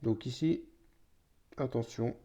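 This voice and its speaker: A man's voice: mid-range voice, slow pace, warm tone, husky. A man, a native Arabic speaker, explaining an Arabic grammar lesson patiently, often checking in with "d'accord?". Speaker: Arabic teacher. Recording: dull lo-fi sound.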